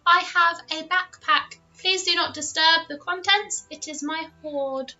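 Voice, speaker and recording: Woman voicing a high-pitched, polite little male dragon. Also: unhurried, sharp tone, dull audio, full character voice. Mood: polite, earnest. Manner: polite, earnest, apologetic. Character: small polite male gold-and-lavender dragon, timid hoarder.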